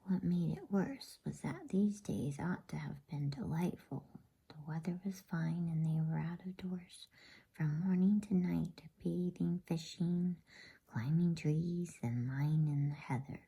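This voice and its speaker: In a soft, unvoiced whisper, a woman reads a bedtime story, hushed and soothing. She speaks slowly and low, and her voice is dark and deeply breathy, with grainy fry at the edges.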